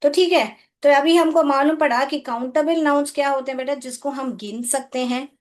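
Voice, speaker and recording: A woman's voice: sits high, steady tone, a little fast. A woman English teacher from India giving a live online class in Hindi, coaxing her pupils, asking them questions and calling them "beta". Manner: coaxing, calls students "beta", asks questions.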